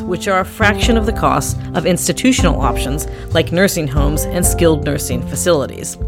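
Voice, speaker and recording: A woman hosting a podcast, reading a scripted introduction and then interviewing her guest with soft acknowledgements. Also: low voice. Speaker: podcast host.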